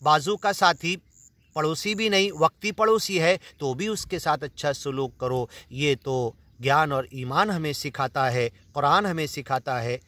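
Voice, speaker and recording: A man's voice: a little high, bright, forceful tone, dry recording. A man from India with an Indian Urdu accent, earnestly explaining Quran verses in a sermon, reciting Arabic lines and then paraphrasing them. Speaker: Quran teacher.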